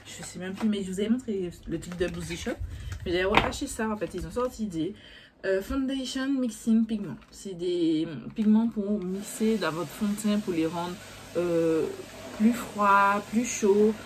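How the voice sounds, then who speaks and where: A woman's voice: mid-range voice, normal speed, noisy background. A young woman talking casually to her viewers about makeup, rambling and cursing freely when annoyed. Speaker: beauty vlogger. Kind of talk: casual chat to camera.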